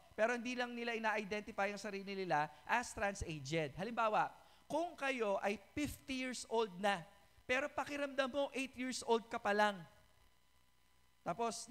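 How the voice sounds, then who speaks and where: A male pastor preaches a sermon in a church sanctuary, switching between Tagalog and English and frequently checking in with the congregation. His voice is high, pushed and bright, and the recording carries the reverberation of the church hall.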